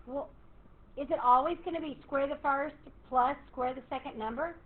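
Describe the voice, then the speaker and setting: A woman math teacher, lecturing her class in a lively, encouraging way and quizzing students. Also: sits high, normal speed. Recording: tinny phone-like classroom recording, faint hiss.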